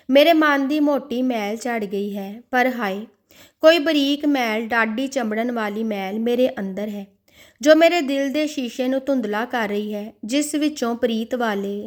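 A woman's voice: a little high, lightly acted. A woman voicing a devout man who pleads with and scolds his own restless mind in an inner monologue.

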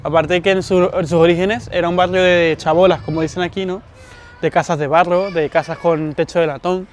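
A young man in his twenties speaks in a higher voice on a lapel mic outside, relaxed and chatty, with casual asides. Faint street noise hums behind him. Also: brisk. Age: 20s. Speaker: young boxer. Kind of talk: documentary interview. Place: outdoors by a mural.

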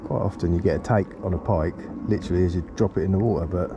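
Fishing outdoors on a riverbank, a middle-aged angler with a slight cold talks casually and mutters to himself for his vlog. His deep voice races along, and the outdoor action camera audio sounds muffled, with a noisy ambient background.

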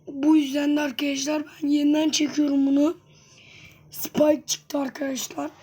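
A young vlogger with a hoarse voice that keeps giving out, chatting casually as host of a gaming video. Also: high voice, flat delivery, moderate pace, dark tone. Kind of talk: casual gaming vlog talk.

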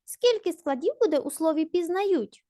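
A woman's voice: very high voice, animated, moderate pace, mellow, no room sound, studio quality. A woman teacher giving a primary school language lesson, patient and encouraging, asking questions and answering them herself. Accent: Ukrainian.

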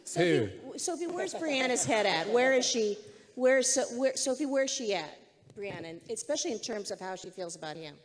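A woman's voice: fairly high pitch, very animated, normal speed, long reverb tail. A woman moderating a festival panel, asking playful, pressing questions. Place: festival stage.

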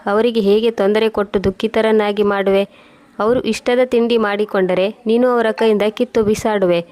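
A stern elderly mother scolds her grown daughter, as a woman narrator reads her part. The voice stays level and even, with little rise or fall, and the delivery is plain storybook reading. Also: medium pitch, normal speed, natural voice. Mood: stern scolding.

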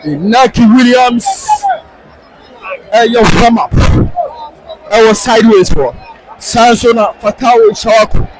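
A man with a Ghanaian accent giving live football commentary, excitable and sing-song, rising into shouts on attacks. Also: very high voice, measured pace, pauses often, a faint crowd, rough recording. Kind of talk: live match commentary mixing English and Twi.

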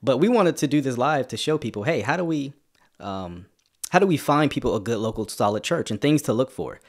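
A man's voice: mid-range voice, expressive, brisk. A man hosting a casual livestream, guiding the talk and prompting his guest with questions. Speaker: channel host.

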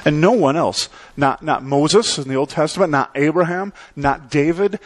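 Middle-aged male pastor, animated pulpit preaching with dramatic pauses, church sanctuary. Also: on the high side, dry recording. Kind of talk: sermon.

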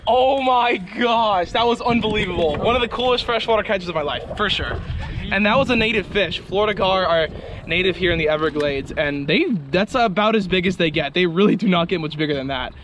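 A young man vlogs from a small boat with excited, casual frat-bro chatter. His voice sits a bit high, and clear outdoor wind noise runs behind it. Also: fast talker. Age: young adult. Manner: frat-bro slang, constant dude and bro. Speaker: fishing vlogger. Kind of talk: excited casual vlog commentary.

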